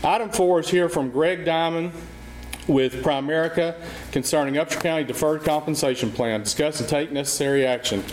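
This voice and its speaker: A man presides over a formal public meeting in an echoing room with clear background noise. His voice sits a little high. He reads minutes and agenda items in a flat, procedural way. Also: normal speed. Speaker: presiding officer of a county commissioners court. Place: indoor county meeting room.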